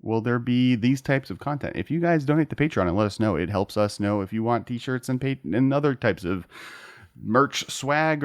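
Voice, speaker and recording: A young man hosting a podcast in casual, joking chat, rambling with fillers. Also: medium pitch. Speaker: podcast host.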